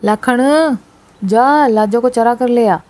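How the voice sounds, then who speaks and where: A woman voicing a caring village mother, soothing and hushing. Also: a little high, expressive, normal speed, breathy edge. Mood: calling.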